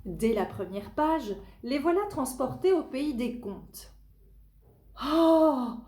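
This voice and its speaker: A woman reading a picture book aloud to small children in a sing-song, expressive way, addressing them directly and stressing words dramatically. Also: on the high side. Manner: expressive, slow dramatic emphasis. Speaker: storyteller for young children. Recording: echoey room.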